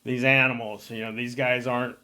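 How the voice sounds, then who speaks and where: A man hosting a casual movie podcast, retelling scenes with many restarts and quick acted quotes. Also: mid-range voice, flat delivery, sharp tone. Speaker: podcast host.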